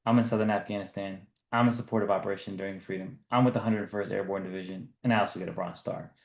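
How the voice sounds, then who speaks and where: Earnest thirties male founder, slightly low voice, echoey room. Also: steady tone, quick pace. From US East Coast. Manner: earnest, repeats words when restarting. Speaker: business founder guest. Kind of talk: conversational podcast interview.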